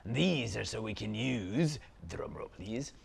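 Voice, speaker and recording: A man's voice: on the low side, expressive, takes it slowly, vocal fry, breathy edge, exaggerated voice. A man voicing a pompous villain sorcerer prince in a comic skit, haughty and theatrical, now and then dropping to a stage whisper.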